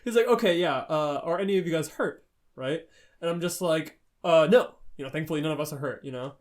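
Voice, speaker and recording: A man's voice: fairly high pitch, fairly quick. A man co-hosting a podcast, retelling a story in casual chat with lots of swearing. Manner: heavy swearing, animated retelling. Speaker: podcast co-host.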